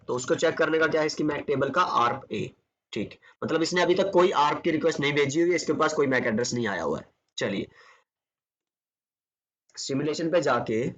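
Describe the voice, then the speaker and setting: A man's voice: mid-range voice, a bit bright, highs cut off, a little hiss or hum. A man teaching networking, walking through a screen demo and answering his own questions as he goes. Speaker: networking instructor. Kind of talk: screen-recorded tutorial walkthrough.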